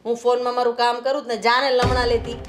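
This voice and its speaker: A woman's voice: fairly high pitch, level tone, fast talker, faint music behind, close to an everyday voice. A woman playing a lazy elder daughter-in-law who answers in a dismissive, mocking way. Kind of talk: family drama acting.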